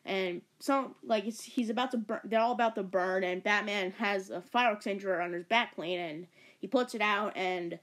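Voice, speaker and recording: Rambling excitable young woman reviewer. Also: mid-range voice, moderate pace. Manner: rambling, filler-heavy, excitable, stumbling over words. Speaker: movie reviewer. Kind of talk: casual video review.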